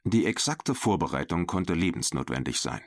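A man narrating a children's adventure audiobook in an expressive, scripted style, voicing every character. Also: sits low, normal speed, gravelly, no room sound, studio quality.

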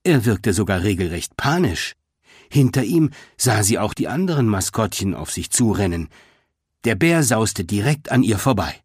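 Husky man narrating a story. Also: lowish voice, moderate pace, dry recording, clean studio sound. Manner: expressive storytelling. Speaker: audiobook narrator.

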